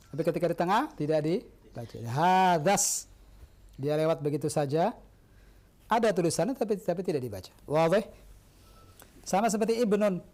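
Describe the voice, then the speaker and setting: A man with a somewhat raised pitch leads an Arabic class on a broadcast. He reads examples aloud and patiently corrects each student. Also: a little mellow. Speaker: Arabic teacher. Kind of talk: Arabic language lesson on air.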